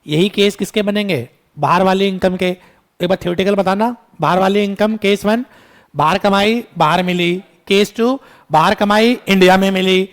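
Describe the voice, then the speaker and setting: A man teaching a tax lecture in Hindi mixed with English, quizzing his students, calling them "beta" and scolding them briskly. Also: sits high. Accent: Indian English. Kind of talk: classroom lecture.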